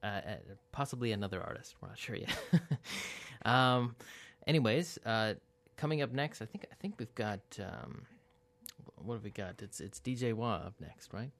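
A man's voice: on the low side, no room sound. A man guest-hosting a radio show, casually back-announcing tracks and upcoming events, with many ums and uhs. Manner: halting, many fillers, relaxed.

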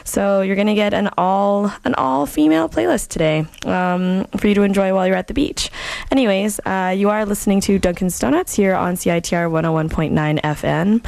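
A woman hosting a radio show casually, in an informal way with frequent hesitant pauses. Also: mid-range voice, vocal fry, darkish tone, no room sound. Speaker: radio host filling in on a music show. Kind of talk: casual radio show presenting and event listings.

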